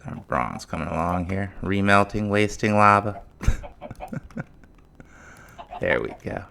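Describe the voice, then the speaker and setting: A man casually narrating his modded game as a let's play host, thinking aloud in a relaxed, mumbling way, with faint music behind. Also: on the low side, slow, vocal fry, a little hiss or hum. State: morning voice. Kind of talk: casual gameplay commentary.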